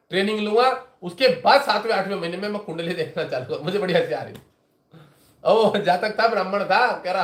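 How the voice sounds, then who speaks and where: A man's voice: high voice, roomy sound. A man, an astrologer and teacher, talking casually to his viewers in a rambling, chatty way and retelling conversations with his students.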